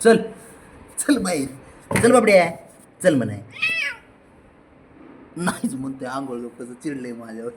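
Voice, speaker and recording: घरी फोनवर व्हिडिओ करत मांजराला आंघोळीसाठी लाडाने, चिडवत वारंवार हाका मारणारा, मराठी लहेजा असलेला पुरुष. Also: male voice, mid-range voice, expressive, unhurried, pauses often, a crowd in the background. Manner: coaxing, teasing, repeats calls. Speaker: cat owner filming his pets. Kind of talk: casual home video, coaxing a pet. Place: indoors at home.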